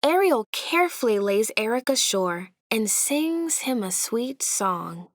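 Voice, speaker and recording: Reading slowly in a close, dry recording, a woman narrates a children's story with a fairly high voice and lively, rising and falling intonation. Like a storyteller for young audiences, she lingers and adds dramatic emphasis.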